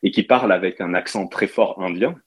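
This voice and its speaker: Fast-talking husky-voiced man. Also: sits low, no room sound. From France. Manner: fast, chatty, many restarts and fillers. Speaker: startup co-founder and CTO, guest. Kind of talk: casual interview talk. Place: London.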